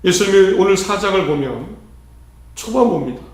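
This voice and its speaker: Heavy church reverb surrounds a pastor as he delivers an earnest sermon. He asks rhetorical questions and frequently moves his emphasis around, speaking at a normal pace with a high voice and lively intonation.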